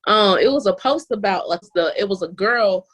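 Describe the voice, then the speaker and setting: A woman's voice: mid-range voice, animated, moderate pace. A woman chatting casually, retelling an argument and voicing what each side would say. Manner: conversational, acts out quoted remarks. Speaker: talk show panelist.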